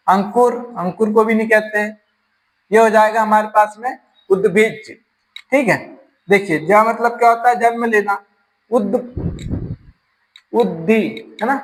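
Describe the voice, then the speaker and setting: A man's voice: high voice, a bit bright, poor audio. A man with a Rajasthani accent teaching an exam-prep grammar lesson, explaining step by step and asking and answering his own questions.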